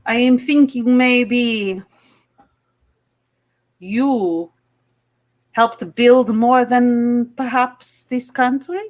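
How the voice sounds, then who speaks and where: A woman's voice: fairly high pitch, fairly even intonation, very slow, long pauses, darkish tone. A woman voicing a dramatic Russian bachelorette with a put-on Russian accent in an improv dating-game sketch. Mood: haughty, coy. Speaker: contestant picking a band. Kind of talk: improv game-show comedy.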